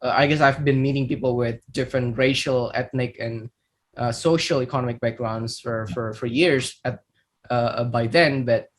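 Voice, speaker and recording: A man's voice: mid-range voice, steady tone, moderate pace. Reflective Indonesian man with hesitant fillers. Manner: reflective, many fillers and repeated words. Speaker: startup founder guest. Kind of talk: podcast interview, personal story.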